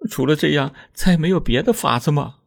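A man's voice: on the high side, brisk, gravelly, pitched above the performer's own voice. A man voicing a frightened young village wife who pleads through tears. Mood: resolved. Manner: tearful, pleading.

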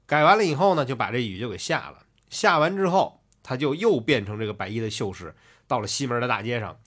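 Male storyteller, casual narration, animated pitch, chatty asides. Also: fast. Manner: chatty, many fillers and asides.

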